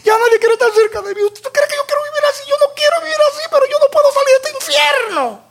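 A man voicing a desperate male drug addict who pleads through tears in a high, broken voice. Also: expressive, quick pace, creaky, exaggerated voice. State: crying.

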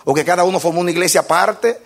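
A man preaching a sermon in an animated, emphatic way, with playful moments where he acts out little scenes. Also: high voice, very fast, creaky.

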